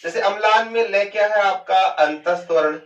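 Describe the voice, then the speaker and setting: A man teaching Hindi grammar in a lecture. He asks questions and answers them himself, and he draws words out slowly to show how they sound. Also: high voice, fairly bright tone, far from the mic. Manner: stretches out words to show pronunciation. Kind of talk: classroom lecture. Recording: dull, echoey and off-mic.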